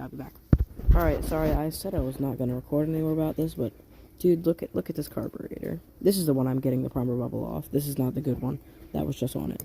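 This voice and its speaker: A hobby mechanic vlogger, young and male, with a fairly high, mellow voice and vocal fry, chats loosely in slang while repairing a small engine, often correcting himself. The noisy phone recording starts outside on a deck in light rain and continues in a shed.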